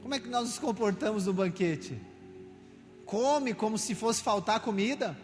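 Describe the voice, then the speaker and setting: A man preaching a sermon, questioning the congregation in a conversational way and at times building to loud, slow proclamations. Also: high-pitched. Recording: long hall reverb with faint music.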